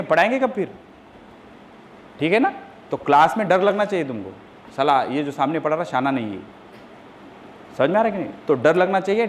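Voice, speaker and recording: A high-pitched man lectures a roomful of students, swinging from sharp scolding to patient, deliberate dictation of formulas. The classroom recording carries a faint hiss of background noise. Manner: scolding students loudly, then calm step-by-step teaching. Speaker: coaching class teacher.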